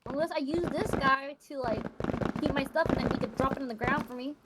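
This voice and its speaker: Female co-player, high voice, casual gaming banter, recorded with very noisy background and clicks. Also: brisk. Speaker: co-player in online game. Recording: loud noise behind voice, clicks.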